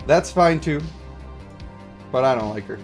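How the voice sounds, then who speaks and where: Gravelly, animated and a little slow, this mid-range voice belongs to a game livestream host with music in the background. He reads and answers viewer comments casually, explaining his views and checking that viewers agree.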